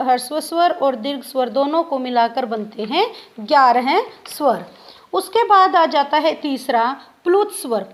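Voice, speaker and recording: A woman teacher giving a grammar lesson to students, spelling out sounds one by one. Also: high-pitched. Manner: slow, spells out sounds letter by letter.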